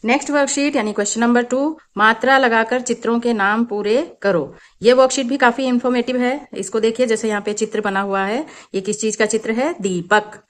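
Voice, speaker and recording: A woman's voice: fairly high pitch, fairly even intonation. Woman patiently explaining a children's worksheet. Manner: slow, patient explaining, mixing in English words. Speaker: teacher and channel host.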